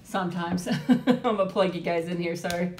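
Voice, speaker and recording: With a darkish tone and normal pace, a middle-aged woman chats casually with viewers during a live eating stream at home. Laughter and frequent ums punctuate her rambling. The recording has room echo and a low, faint rumble.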